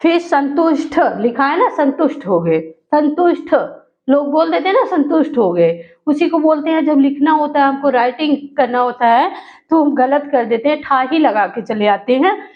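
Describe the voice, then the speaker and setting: Woman, teacher, high voice, slow repeated words, pronunciation drill, dull lo-fi sound. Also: animated. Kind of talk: spoken grammar lesson. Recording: dull lo-fi recording.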